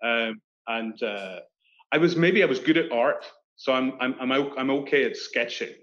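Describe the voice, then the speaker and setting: A Scottish architect in his thirties talks casually in an interview over a video call, animated, gesturing with his hands, and restarting often. His mid-range voice moves at a moderate pace, picked up by a webcam in an indoor room with dull, lo-fi call audio.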